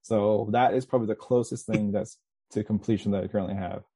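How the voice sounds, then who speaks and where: His voice is lowish and husky with a warm tone, brisk pace and fairly even intonation, captured in a dry recording. He's an English man in his forties whose accent is mostly Canadian, faintly touched by Mancunian. As the guest author in a casual podcast interview, he chats and rambles, with lots of restarts and laughs.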